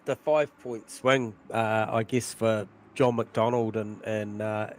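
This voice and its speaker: Laid-back co-commentator, faint hiss. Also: male voice, on the low side, takes it slowly. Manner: relaxed, lots of fillers and mate. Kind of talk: casual commentary chat.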